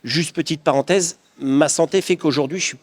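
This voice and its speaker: A middle-aged man from the Paris region of France is interviewed as a craftsman guest, answering in an earnest, reflective way and often starting over. His voice is on the high side and his pace moderate.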